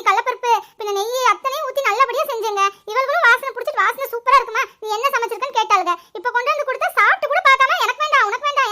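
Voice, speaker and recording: A fast-talking, scolding cartoon mother, played by a woman, with a very high, bright, piercing voice. She rattles off complaints in a sharp, hot-tempered way. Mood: complaining. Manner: scolding, rapid, shrill. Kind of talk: cartoon voice acting.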